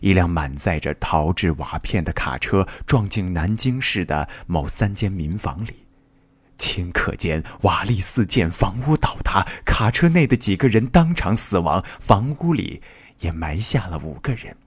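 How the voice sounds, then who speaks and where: A man's voice: sits low, sing-song, measured pace, husky, no room sound. A man reading a short story aloud in an earnest, dramatic way. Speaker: reader.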